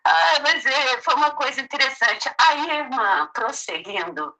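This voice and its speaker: A woman's voice: high-pitched, animated, unhurried, pushed and bright, rough recording. A middle-aged Brazilian woman, a gospel singer, telling a story in a casual interview, laughing often and acting out the voices she quotes. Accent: Brazilian Portuguese. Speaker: gospel singer and songwriter, guest.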